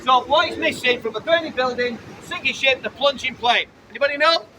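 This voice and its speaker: A man's voice: extremely high pitch, a little fast. A British man preaching fervently and insistently to passers-by outdoors, pressing them with repeated phrases and rhetorical questions. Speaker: street preacher. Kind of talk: open-air evangelistic preaching to passers-by, with riddles and questions. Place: outdoors on a busy urban street. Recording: noisy busy street with crowd and traffic.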